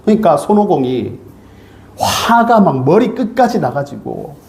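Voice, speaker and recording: A man's voice: on the high side, sing-song, unhurried, creaky, darkish tone. A middle-aged male pastor preaching a sermon, earnest and repeatedly calling out to his congregation. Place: church sanctuary. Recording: echoey church sanctuary.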